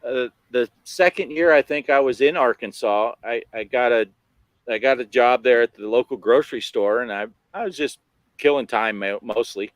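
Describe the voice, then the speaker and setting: An American man with a mid-pitched voice chats casually with friends, telling anecdotes. His manner is joking and self-deprecating, and the sound is dry. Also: normal speed, no room sound. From Arizona, US. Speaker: host of a hobby gaming show. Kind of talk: casual anecdotal group chat.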